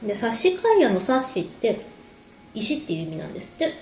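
Here the same thirtysomething wine explainer talks fast in a high-leaning, sing-song voice. She sips and snacks while chatting casually to camera from an echoey indoor room at home, and background music runs underneath.

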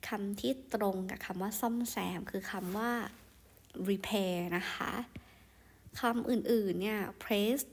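A young woman tutor walks through exam questions at an unhurried pace. She reads each English sentence, then translates it and explains it gently. Her tone stays soft and friendly, with polite particles throughout. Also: mid-range voice. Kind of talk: exam-prep lesson, explaining answers.

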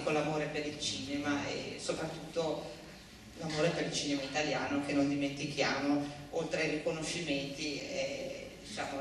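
A woman in her fifties, a city culture councillor, giving an earnest speech on a theater stage into a handheld microphone, with frequent pauses and hesitations. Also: low-pitched, fairly bright tone, a little hiss or hum. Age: 50s. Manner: earnest, measured, with many hesitations. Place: large theater hall, on stage before an audience. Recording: echoey hall, voice from a distance.

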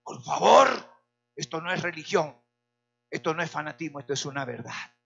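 A male pastor preaching a sermon in a church, swinging between loud cries and quiet, low remarks, hoarse from shouting. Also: expressive, moderate pace, highs cut off.

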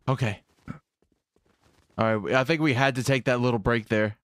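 A young man commentating his own live game stream, excitable, swinging between low mumbles and sudden yells. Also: measured pace, no echo. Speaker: gaming streamer.

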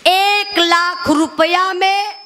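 A woman's voice: very high voice, steady tone, very slow, sharp tone, a little hiss or hum. A woman narrating a dramatic folk ballad, calling out to her listeners as brother. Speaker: folk storyteller singer.

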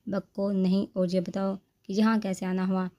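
A fiery young woman, quick with sarcasm and easily annoyed, as a woman reading the novel voices her. She snaps her lines in a mellow, low-contrast tone with little rise and fall. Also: flat delivery, close to an everyday voice. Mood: sarcastic. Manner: sarcastic, snapping. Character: sharp-tongued, irritated young woman, a fiery bride.

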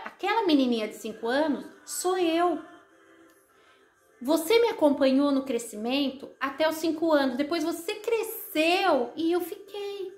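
An earnest, lonely five-year-old girl, played by a woman telling the story, speaks in a high, soft, pleading voice. The recording sounds echoey, with faint music underneath.

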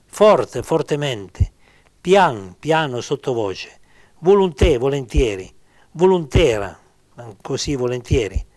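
A man giving an informal grammar lesson, halting and searching for words, repeating terms slowly as he explains. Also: medium pitch, big pitch swings, darkish tone. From Argentina. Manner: slow, deliberate, repeating words. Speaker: language teacher.

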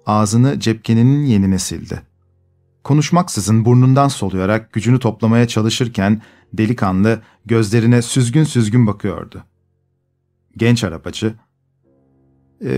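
A man with a low voice tells a literary story in an even, measured way. Soft music plays faintly beneath the reading. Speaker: audiobook narrator. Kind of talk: scripted narration.

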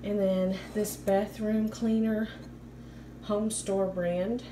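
An American woman in her thirties, vlogging on a handheld phone, chats informally through a haul in her home kitchen. Her medium-pitched voice is warm but flat and slow, and the rough recording carries clear room noise in the background.

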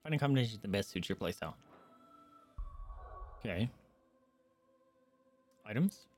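Over video game music, a man with a lowish, slightly mellow voice plays and chats as a streamer. He's expressive and moderately paced, murmuring to himself as he reads the on-screen text out loud.

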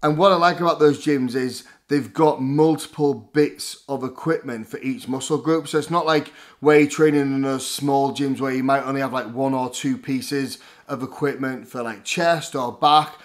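Male fitness vlogger, 30s, from England, chatty and upbeat, mid-pitched, filmed close up at home. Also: steady tone, normal speed, few pauses. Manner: enthusiastic, chatty, lots of fillers like "like" and "basically". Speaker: fitness vlogger reviewing gyms. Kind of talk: casual vlog to camera. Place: living room at home, indoors.

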